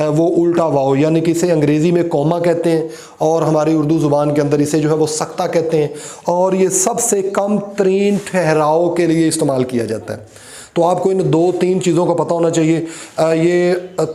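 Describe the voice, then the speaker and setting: A man teaching an online lecture, explaining slowly with many fillers and repeated examples. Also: on the high side, dark tone, reverberant.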